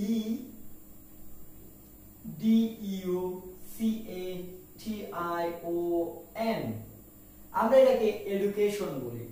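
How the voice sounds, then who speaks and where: A man's voice: high-pitched, a little mellow, a little hiss or hum. A man teaching English pronunciation, who spells each word letter by letter and repeats it with drill questions. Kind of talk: pronunciation lesson. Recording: echoey room from far off.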